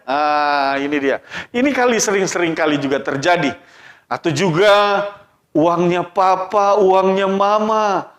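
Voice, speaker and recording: Male pastor, children's sermon, animated and questioning, raised voice, roomy church echo. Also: high voice. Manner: animated, questioning the children, acting out their lines.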